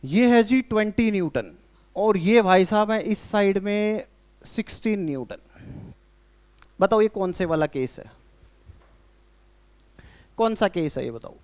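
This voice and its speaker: High-voiced man teaching physics to a class. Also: lively intonation, measured pace, pauses often, a little mellow. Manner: teases students, mixes Hindi with English terms. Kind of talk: classroom lecture.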